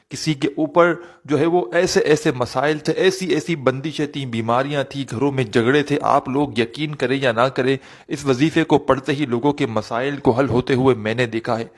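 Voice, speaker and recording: A man's voice: mid-range voice, normal speed. A man hosting a devotional video, speaking earnestly and repetitively to viewers and leading a pleading prayer. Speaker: religious video host.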